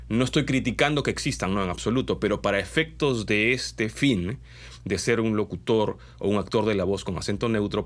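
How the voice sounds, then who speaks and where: A Peruvian man who works as a voice-over announcer, explaining to his viewers in an animated teaching tone, his Peruvian accent somewhat mixed, often ending points with a question. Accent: Peruvian Spanish, mixed. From Peru. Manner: animated, pitch jumping up on key points; explanatory, with frequent tag questions. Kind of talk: instructional talk to viewers.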